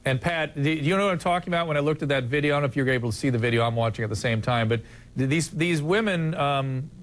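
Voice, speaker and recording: Earnest man hosting a TV panel. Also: a little high. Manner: earnest, halting with frequent restarts. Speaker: TV talk show host. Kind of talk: broadcast panel discussion.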